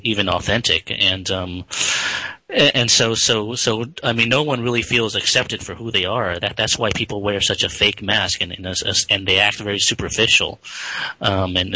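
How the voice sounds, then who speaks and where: A man, a guest in an interview, talking in a halting way with many repeated words and restarts. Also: fairly low pitch, pushed and bright, husky, no echo, poor audio. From San Francisco Bay Area, born in Taiwan. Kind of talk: interview talk.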